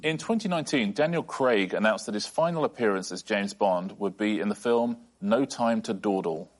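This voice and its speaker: A man hosting a quiz show, reading questions briskly and teasing the contestants in a dry way. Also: lowish voice.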